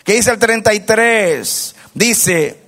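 High-voiced man preaching call-and-response. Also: animated, slow pace. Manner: call-and-response preaching, asks the congregation to repeat; swings from low murmurs to loud, high exhortation. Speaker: pastor. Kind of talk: sermon.

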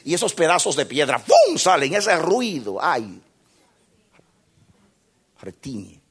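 Impassioned high-voiced male preacher. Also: wildly swooping pitch, slow, husky. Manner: impassioned, swinging from shouts to hushed low tones. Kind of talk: sermon.

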